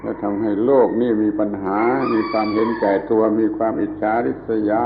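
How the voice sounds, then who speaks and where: A man's voice: lowish voice, little pitch movement, brisk, background noise. A man giving a plain, emphatic Buddhist Dhamma talk, repeating his points as he teaches. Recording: phone-like old tape recording.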